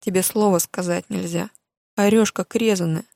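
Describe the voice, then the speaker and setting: A woman voicing an abusive middle-aged mother who berates her daughter in a loud, scolding voice in an audiobook reading. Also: fairly low pitch, fairly even intonation, vocal fry, no echo. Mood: cold scolding. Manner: loud, berating, rapid-fire insults. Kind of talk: audiobook character voice.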